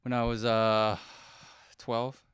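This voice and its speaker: A laid-back man in his forties, from Cambodia, talking easily on a podcast. His voice is smooth and clean, recorded dry and close. He tosses "man" into his sentences. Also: mid-range voice, level tone, slow, fairly bright tone, no room sound. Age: 40s. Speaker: podcast co-host. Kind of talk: casual chat. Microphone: studio microphone, sometimes off-axis.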